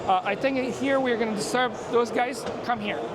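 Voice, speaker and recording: An Afghan YouTuber and software engineer vlogs outdoors at a busy conference, holding a handheld mic amid noisy surroundings. His voice is very high, and he chats casually, narrating what he's doing with quick asides and laughs.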